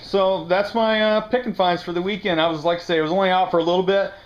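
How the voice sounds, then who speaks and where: Talking fast in a high voice with fairly even intonation, an American man shows his yard sale haul to the camera. He's a reseller with a laid-back, slangy, folksy chatting style, and the recording is dull lo-fi camera audio.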